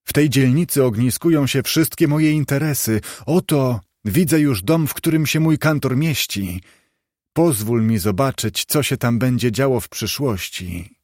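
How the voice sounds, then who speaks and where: A man's voice: mid-range voice, measured pace, darkish tone, dry recording, studio quality, lightly acted. A man reading the part of an old miser, pleading with a spirit in an urgent tone. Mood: anxious pleading.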